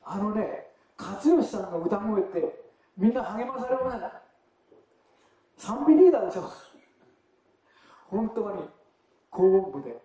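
A man's voice: high voice, big pitch swings, a little slow, pauses often, dark tone, recorded from a distance. A man preaching a sermon in a church in a chatty, conversational way, often turning to the congregation with questions. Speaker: pastor. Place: church sanctuary. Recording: very echoey church hall.

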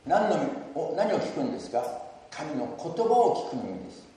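A man preaching a sermon as pastor. He speaks earnestly and leads the congregation, stressing key words with rises in pitch and volume. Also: big pitch swings, moderate pace, mellow. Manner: leads the congregation in repeating a verse. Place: church sanctuary. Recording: echoey church hall, mic at a distance.

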